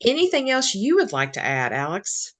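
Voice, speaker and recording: An educator co-hosting a casual interview reacts with eager, encouraging enthusiasm. Her mid-range voice moves at a moderate pace with huge pitch swings.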